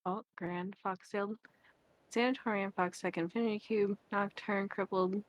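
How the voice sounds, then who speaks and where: A woman co-hosting a casual stream, bantering playfully with quick reactions. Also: mid-range voice, steady tone. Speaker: co-host. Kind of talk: casual chat.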